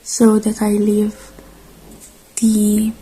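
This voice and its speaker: This ASMR roleplay features a woman's mid-range, slightly rough voice with a completely flat delivery, captured on poor audio. She speaks softly, sometimes whispering, with short reassuring phrases that come haltingly.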